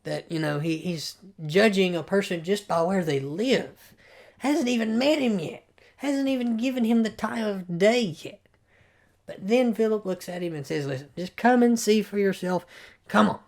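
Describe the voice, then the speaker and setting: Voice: medium pitch, normal speed, darkish tone. A Bible study teacher talking casually and thinking aloud, often stopping and repeating words.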